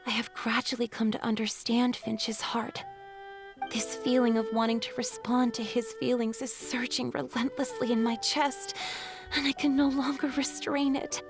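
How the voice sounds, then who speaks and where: A woman voicing a gentle, shy water spirit in a video game, speaking softly and hesitantly. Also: a little high, level tone, normal speed, over music, close to an everyday voice. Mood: wistful. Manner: soft, hesitant, breathy at times.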